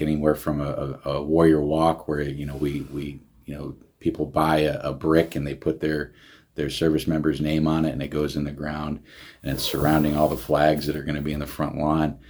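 The speaker, a county veterans service director, has a very deep, husky voice with a slightly mellow quality. Sincere in this casual interview, he frequently starts over and fills pauses with fillers.

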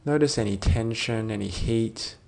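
Soft, gentle phrases trail off as a man narrates a soothing, story-like sleep meditation, leaving long pauses between them. His voice is creaky and on the low side.

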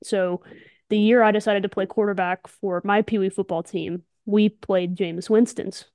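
Co-hosting a casual podcast, a young adult woman from Alabama who plays softball speaks in an enthusiastic, slangy, emphatic manner. Her medium-pitched, slightly mellow voice has fairly even intonation at normal speed, captured in clean studio sound without echo.

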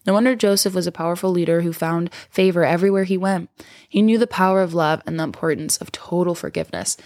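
A woman's voice: on the low side, quick pace, a little mellow, dry recording, clean studio sound. A woman podcast host reading a devotional text aloud.

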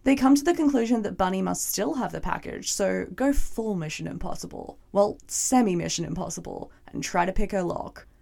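Hoarse, gravelly young woman recapping a show. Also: mid-range voice, brisk, hardly any pauses, dark tone. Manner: chatty, wry, playfully sarcastic. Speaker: TV reviewer. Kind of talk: casual episode recap and review.

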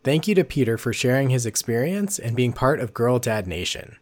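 Hosting his podcast, a fairly young man keeps the interview chat and sign-off relaxed and conversational, his medium-pitched voice expressive and a little fast.

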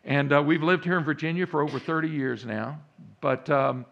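Texan preacher with a gravelly voice. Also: male voice, a little high, fairly even intonation, normal speed, a bit bright, lo-fi sound. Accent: Texas. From Central Texas. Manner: folksy storytelling with rising emphasis. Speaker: pastor. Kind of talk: sermon.

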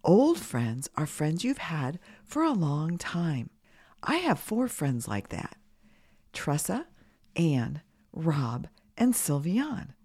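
A woman's voice: low-pitched, big pitch swings, slow, darkish tone, dry recording. A middle-aged woman from the United States hosting a children's podcast in simple scripted narration, her voice slightly scratchy as she gets over a cold. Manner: simple, clearly phrased address to children.

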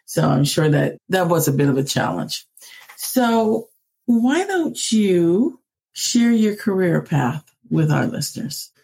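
Here a Northern California woman, a coach with a career podcast, speaks encouragingly and upbeat while hosting and reading an ad. The pitch is fairly low and the tone dark and husky, slowed down with vocal fry and a sing-song lilt.

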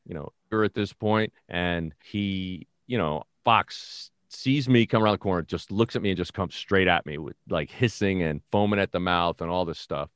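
Smooth-voiced New man telling stories. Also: low-pitched, no room sound, clean studio sound. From the Bronx, New York. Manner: animated, self-mocking storyteller. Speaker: interview guest. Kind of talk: casual storytelling.

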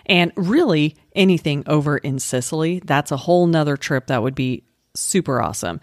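A woman co-hosts a travel podcast in casual, upbeat conversation. Her voice is low for a woman, recorded dry and close with no room sound. She laughs easily as she pitches trips. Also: expressive, normal speed, no room sound. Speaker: podcast co-host, travel agent.

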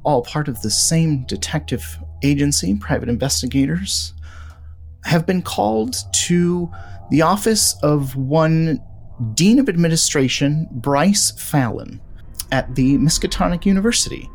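A man narrating a tabletop horror role-play game as game master, relaxed with frequent ums. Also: fairly high pitch, measured pace, soft background music.

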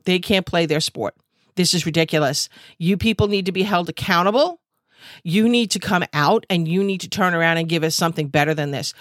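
A woman's voice: mid-range voice, fairly bright tone, no echo, clean studio sound. A woman host, giving an angry, emphatic monologue over a video call, full of fillers and restarts. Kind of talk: impassioned monologue.

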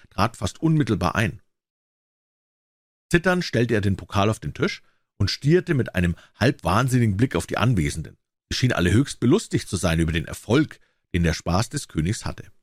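A man's voice: lowish voice, no room sound, clean studio sound. A man reading a classic short story aloud, telling it expressively. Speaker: reader.

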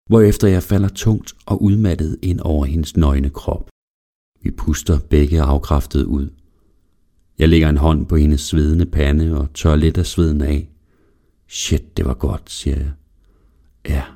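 A man narrates a first-person erotic audio story in a slow, even reading voice. His voice is very low and dark, with a mellow warmth.

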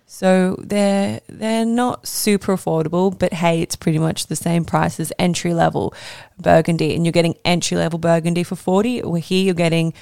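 A young woman talks through wine picks in a relaxed, chatty way. Her voice sits on the low side with a gravelly fry. The sound is close and dry, with no room around it. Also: no echo. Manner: chatty, laughs between points, spells out names slowly. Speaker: wine educator. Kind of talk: casual explainer vlog.

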